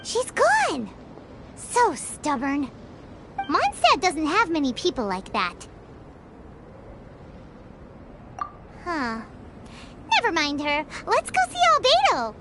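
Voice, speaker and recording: A woman voicing a tiny, childlike, excitable fairy companion in a video game, with a squeaky voice and exclamatory delivery. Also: takes it slowly, heavy background noise, exaggerated voice. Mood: miffed. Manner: refers to self in third person, exclamatory. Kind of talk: video game character acting.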